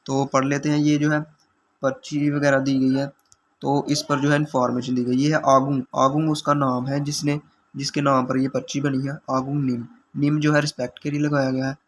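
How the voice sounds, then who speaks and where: A man's voice: mid-range voice, flat delivery, normal speed, slight background noise. A man teaching language exam questions, explaining answers patiently step by step.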